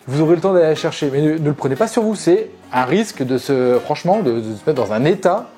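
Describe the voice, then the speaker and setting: A man casually telling a travel mishap story, animated and acting out the dialogue. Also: fairly high pitch, fast, soft background music. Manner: animated, acts out dialogue, laughs often. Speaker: travel vlogger recounting a story.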